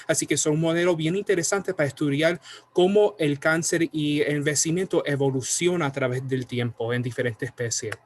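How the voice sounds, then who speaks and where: A man's voice: a little high, brisk, a little hiss or hum. A young adult man from Puerto Rico with a Puerto Rican Spanish accent, giving an online science talk over a video call with many fillers. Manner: explanatory, with frequent fillers. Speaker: guest scientist. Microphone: computer mic on a video call.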